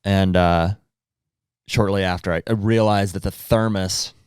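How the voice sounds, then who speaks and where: Low-voiced guy rambling through a hunting story, smooth clear voice, dry sound. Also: fairly even intonation, unhurried, a little mellow, dry recording. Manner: rambling anecdote with acted-out quotes. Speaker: hunting guide, podcast guest. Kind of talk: casual storytelling.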